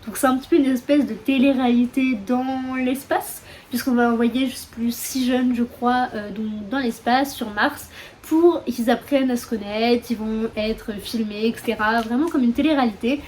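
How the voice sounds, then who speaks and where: Young woman, french accent, casual chatty vlog, high voice, storm faintly audible outside. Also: steady tone, normal speed, darkish tone. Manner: chatty, self-mocking, many fillers. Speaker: book vlogger. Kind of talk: casual chat. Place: room at home with open windows, storm outside. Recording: faint wind and rain noise. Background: wind and rain.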